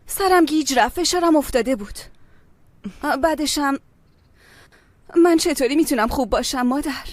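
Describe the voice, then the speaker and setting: Dubbed drama: actress as a grieving daughter, high, tired, sorrowful. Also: female voice, dry recording, close to an everyday voice.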